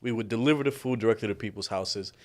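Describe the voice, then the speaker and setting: A young man who owns a restaurant, talking as a guest in an energetic, enthusiastic way. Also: lowish voice, fast. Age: young adult. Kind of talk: casual interview chat.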